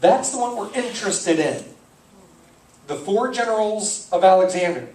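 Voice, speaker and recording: A man's voice: sits high, expressive, moderate pace, a little mellow, roomy sound, distant mic, a little hiss or hum, rough recording. A man as a pastor teaching the Bible verse by verse in a conversational manner, stopping to puzzle over names and correct himself. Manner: conversational, thinks aloud, self-correcting on names.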